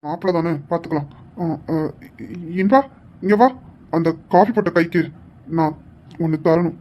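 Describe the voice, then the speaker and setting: A woman's voice: fairly low pitch, normal speed, darkish tone, slight background noise, lightly acted. A woman voicing a scheming, sleazy young man who is a wife's brother, in a home-made audio drama. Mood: leering. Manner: smug, sly and sleazy.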